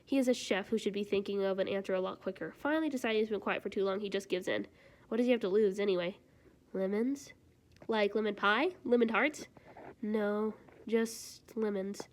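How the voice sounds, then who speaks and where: A woman streamer reading fan fiction aloud live, breaking off into chatty, animated reactions. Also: medium pitch, a little fast.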